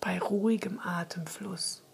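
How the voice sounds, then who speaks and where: A woman guiding a relaxation meditation in a soft, soothing spa-like whisper, breathy and husky. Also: fairly low pitch, steady tone, measured pace, slight background noise. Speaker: relaxation exercise guide.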